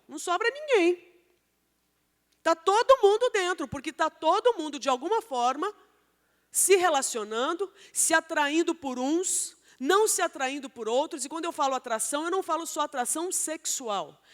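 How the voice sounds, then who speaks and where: A woman's voice: sits high, a bit bright. A Brazilian woman preaching a Sunday sermon, speaking straight to the congregation and asking it question after question. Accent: Brazilian Portuguese. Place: church hall. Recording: church hall with long reverb.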